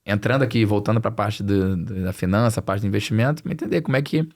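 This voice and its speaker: A lowish, darkish male voice talks fast here. The speaker, a financial planning expert on a podcast, converses with a Brazilian Portuguese accent carrying a hint of European Portuguese, often repeating phrases for emphasis.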